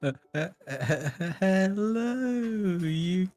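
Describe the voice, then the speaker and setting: A woman's voice: mid-range voice, animated, very slow, darkish tone. A woman doing a timid stammering young man. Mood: nervous. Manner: weak, stammering and nervous.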